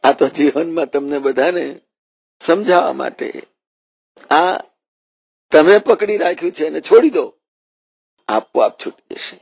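A man voicing a calm, wise wandering holy man who speaks in a patient, earnest teaching tone. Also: on the high side, measured pace, gravelly, pauses often, husky, no echo, exaggerated voice.

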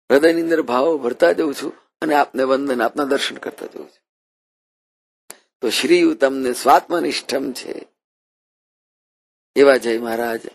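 A man giving a devotional sermon, earnest and reverent. His voice sits at an ordinary male pitch, and he slows down deliberately when reciting verses. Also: gravelly. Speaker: spiritual preacher.

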